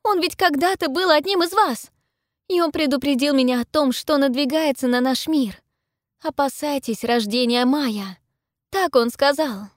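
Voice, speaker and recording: Woman playing a young heroine, defiant, pleading, raised high voice, dry audiobook sound. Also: moderate pace, no room sound, natural voice. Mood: urgent pleading. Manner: pleading then forceful, loud and urgent. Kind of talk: audiobook character voice.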